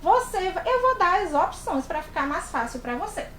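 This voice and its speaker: A Brazilian woman teaching young children to read in an online class, talking slowly and in an exaggerated, sing-song way. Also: extremely high pitch, big pitch swings, a bit bright, a little hiss or hum. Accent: Brazilian Portuguese. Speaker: primary school teacher. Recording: echoey room.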